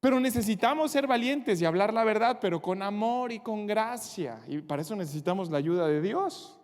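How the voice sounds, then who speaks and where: A man preaches a sermon in an earnest, direct way, speaking straight to his congregation. His voice sits high for a man, and a long reverb from the church hall trails after his words. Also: lively intonation, brisk. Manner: earnest preaching, addressing the congregation directly, acting out short quotes. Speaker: pastor.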